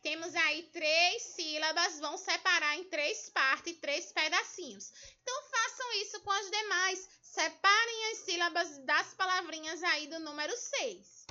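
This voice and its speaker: A woman from Brazil teaching young children with a very high, piercingly bright voice. She speaks patiently and breaks words into syllables for them. The recording is dull and lo-fi. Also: measured pace, hardly any pauses. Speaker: primary school teacher. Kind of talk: remote homework lesson walkthrough.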